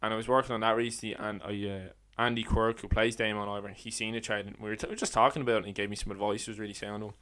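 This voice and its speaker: A man's voice: lowish voice, level tone, fairly bright tone. A young Irish man, an independent filmmaker, chatting casually and swearing freely on a podcast. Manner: rapid, profane, laughs often.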